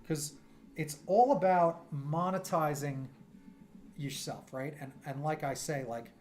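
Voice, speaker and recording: A man in his thirties with a New York accent livestreams his art from his home streaming room, chatting in a loose, animated, self-deprecating way. His voice is a little high and he takes things slowly as he rambles casually. Soft synth music plays behind him, along with slight background noise.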